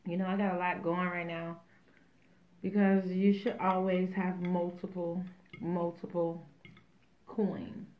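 A woman with a fairly low voice chats loosely as she eats on camera, rambling from one thought to the next and dropping little jokes. The sound is thin and tinny, like a phone line. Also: flat delivery, slow, pauses often. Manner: chatty, rambling, jokey. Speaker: mukbang host. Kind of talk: casual chat while eating.

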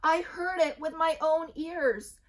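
A woman voicing an excitable, panicked little female chick in a storybook, with emphatic, drawn-out alarm. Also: very high voice, voice pushed up. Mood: insistent, dramatic.

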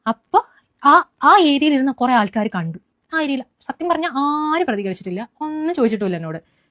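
A young woman giving an animated first-person account to a news interviewer, with frequent restarts and fillers. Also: sits high, fairly quick, no room sound.

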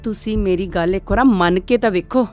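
An actress playing a jealous, complaining village wife who insists on being heard. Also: female voice, medium pitch, brisk, darkish tone, natural voice. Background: film score music.

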